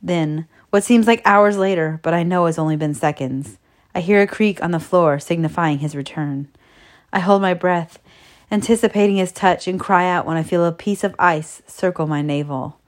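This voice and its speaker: Low-voiced woman reading an erotic story. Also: normal speed. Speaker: narrator.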